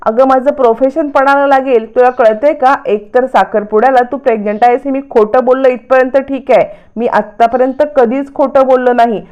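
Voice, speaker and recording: A woman's voice: high-pitched, steady tone, a little fast, few pauses, clean tone, lo-fi sound, voice pushed up, close to an everyday voice. A woman voicing a principled young male doctor who refuses firmly and reasons out his objection. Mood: firm refusal. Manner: firm, reasoning.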